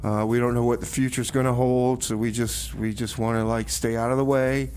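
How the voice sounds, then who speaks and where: A man hosts a community radio show from a small studio, rambling on air in a casual, folksy way and often hesitating and repeating words. His medium-pitched voice has a level, darkish tone and a slightly fast pace. The studio mic picks up a little hiss or hum.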